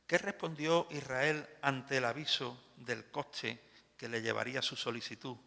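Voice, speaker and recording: A pastor from Spain preaching a sermon in an animated, emphatic way, full of rhetorical questions. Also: male voice, mid-range voice, unhurried, vocal fry. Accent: Spain Spanish. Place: church. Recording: long church reverb.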